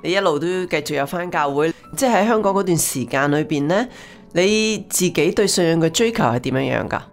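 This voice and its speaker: Female radio host, low-pitched, measured and friendly, faint music bed. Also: lively intonation. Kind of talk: scripted program introduction and interviewing.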